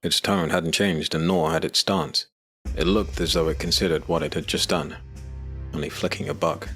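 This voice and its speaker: A man narrating a dark fantasy audio drama with measured, even storytelling. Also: rumbling low, slightly rough, soft background music. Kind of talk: scripted narration.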